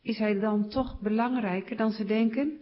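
A woman telling a Bible story to children in simple, clear words. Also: fairly high pitch, steady tone, moderate pace. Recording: slightly dull recording.

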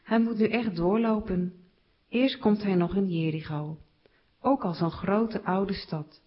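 A woman telling a Bible story to children in simple, clear words. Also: medium pitch. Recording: slightly dull recording.

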